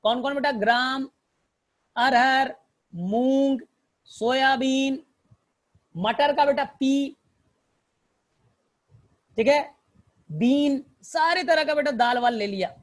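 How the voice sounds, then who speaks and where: A man's voice: very high-pitched, slow, long pauses. A male teacher tells a story to help students remember plant examples, fondly calling them "child" and checking often that they follow. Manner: fond, addresses students as child; repetitive, checks understanding. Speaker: biology teacher. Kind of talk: mnemonic storytelling lesson.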